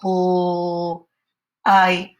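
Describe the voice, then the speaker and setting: A woman teacher modeling writing for young children, thinking aloud patiently and slowly stretching each word into its sounds. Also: lowish voice, completely flat delivery.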